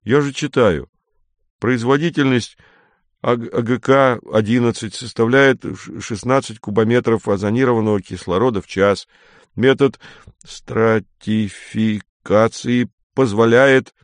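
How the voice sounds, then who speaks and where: A man's voice: mid-range voice, measured pace, dry recording, lightly acted. A man voicing Pol, a mischievous boy who talks eagerly. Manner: lively, eager.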